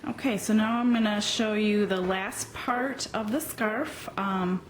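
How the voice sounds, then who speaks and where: A woman explains a crochet technique at a slow, unhurried pace, hesitating with ums as she works. Her pitch sits in an ordinary middle range. A faint hum of room ambience runs behind her. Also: rough recording. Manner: slow, hesitant with frequent ums, talking while working. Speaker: crochet instructor. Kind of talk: step-by-step tutorial.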